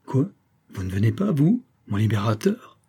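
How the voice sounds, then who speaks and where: A man voicing an eager, friendly young lieutenant who talks warmly and impulsively. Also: fairly low pitch, sing-song, moderate pace, creaky, husky, exaggerated voice.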